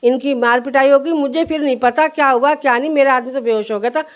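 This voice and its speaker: A woman's voice: sits high, quick pace. A woman shopkeeper in a news interview, recounting in earnest detail what happened and acting out the quoted exchanges.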